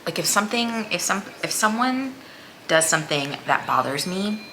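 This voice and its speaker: A woman's voice: mid-range voice, sing-song, moderate pace, bright, forceful tone, a little hiss or hum, rough recording. A woman chats casually over a meal, rambling hesitantly and leaning on "like" as a filler. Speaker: vlogger. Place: small room at home, indoors.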